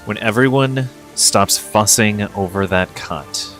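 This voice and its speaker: A man with a low voice reads fantasy game dialogue aloud as a streamer. Music plays faintly behind him. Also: takes it slowly, fairly bright tone. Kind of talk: reading game dialogue aloud, casual asides.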